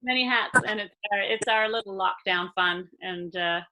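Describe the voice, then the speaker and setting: A woman's voice: medium pitch, normal speed, sharp tone, low-quality recording. A woman with a Maritime Canadian accent, chatting casually as an interview guest. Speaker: interview guest, emergency doctor and musician.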